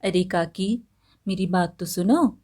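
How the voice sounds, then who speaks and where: A woman's voice: fairly low pitch, takes it slowly, mellow. A woman voicing a cheating young village man who protests his innocence, in a storybook reading. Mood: defensive.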